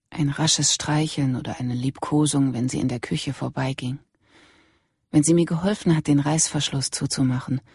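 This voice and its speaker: A composed female police investigator who keeps her feelings down, read by an audiobook narrator. Her voice is husky with a gravelly edge and sits at a middle pitch. It is close and dry, with no room sound. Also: a little mellow, no room sound.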